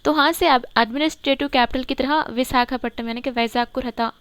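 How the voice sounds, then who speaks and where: A woman teaching a current affairs lesson for exam students. She explains slowly and repeats the key words so that they stick. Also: high-pitched, fairly even intonation, a bit bright, clear, resonant tone, dry recording.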